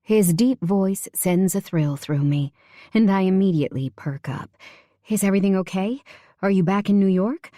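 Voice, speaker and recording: Woman, audiobook narrator, first-person romance, mellow lowish voice, soft unhurried reading, dry close recording. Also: no room sound.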